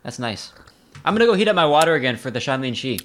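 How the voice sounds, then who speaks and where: A man tasting tea in a casual chat, relaxed and joking, with frequent "like" and "um" fillers. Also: medium pitch, fast talker. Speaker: tea enthusiast guest.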